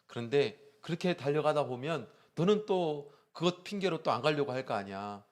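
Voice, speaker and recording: A man voicing a tender mother, soft, low, explaining gently. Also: natural voice. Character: gentle mother confessing quiet care.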